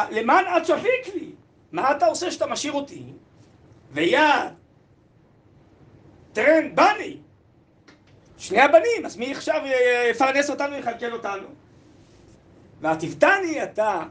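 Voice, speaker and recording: A man with a very high, lively voice leads a text-study lesson. He reads from the sources, turns them into plain speech and keeps asking the class questions. He sounds roomy and echoey, as if in a classroom. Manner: asks the class questions, translates Aramaic aloud. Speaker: teacher.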